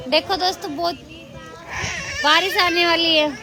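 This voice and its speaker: Woman, live-stream vlogger, very high voice, chatty, thanks viewers and coos to a small child. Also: steady tone, measured pace, background noise.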